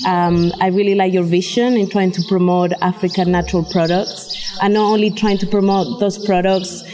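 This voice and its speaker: Mellow-voiced woman interviewer. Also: medium pitch, little pitch movement, normal speed, in a large hall. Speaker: interviewer and host. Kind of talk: conversational interview.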